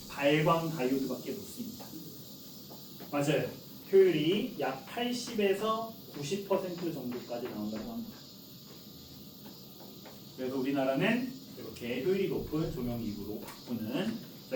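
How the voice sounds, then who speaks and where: A man's voice: fairly high pitch, background noise. A man in his forties teaching a class in a classroom, chatty, often asking students questions and answering them himself. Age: 40s. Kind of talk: classroom lecture. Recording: echoey classroom from far off.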